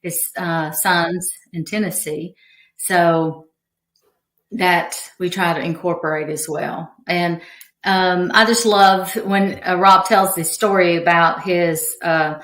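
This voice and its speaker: Woman, low voice, chatty podcast guest, echoey room. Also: fairly even intonation, takes it slowly, fairly bright tone. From rural Kentucky. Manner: chatty, laughs often, lots of fillers. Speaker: guest, angler's wife. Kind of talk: casual podcast chat. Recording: roomy echo.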